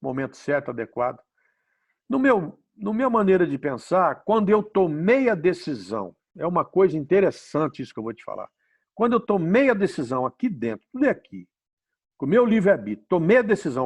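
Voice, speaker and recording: Brazilian man giving a dramatic testimony. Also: high-pitched. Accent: Brazilian Portuguese. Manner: dramatic swings between loud urgency and hushed tones; asks the audience questions. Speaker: testimony speaker.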